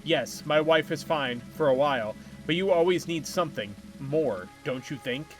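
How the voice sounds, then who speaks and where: A man's voice: on the high side, normal speed, faint music behind, lightly acted. A man reading a teasing, carefree husband. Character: flirtatious middle-aged husband, carefree. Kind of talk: reading game dialogue aloud.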